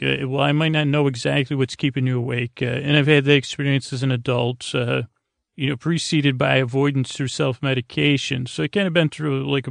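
This American man hosts a bedtime sleep podcast, his creaky, gravelly voice sitting at medium pitch with no room sound. His monologue meanders and halts, trailing off before circling back.

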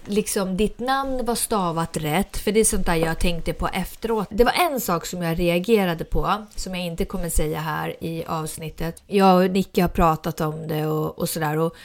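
A middle-aged woman hosting a podcast, telling a story in a casual, animated way with frequent fillers and some swearing. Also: fairly low pitch, few pauses. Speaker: podcast host.

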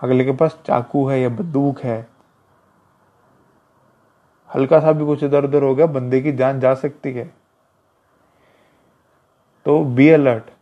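A man with a mid-range, fairly even voice speaks slowly and pauses often, chatting casually about self-defense as an instructor. He repeats himself and keeps calling the listener brother, giving conversational advice. The recording is dull and lo-fi.

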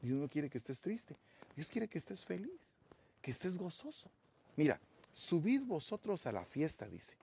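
Gravelly, lively-voiced male preacher. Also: on the high side. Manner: preaching with rising emphasis, addresses listeners as brother. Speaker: pastor. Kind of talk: sermon.

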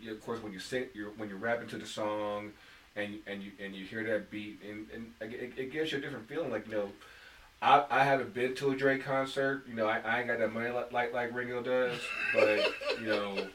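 A man co-hosting a casual podcast chat, animated and prone to repeating words as he gets going. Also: fairly low pitch, a little fast, recorded from a distance. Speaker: podcast co-host. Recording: echoey room, a bit off-mic, faint noise.

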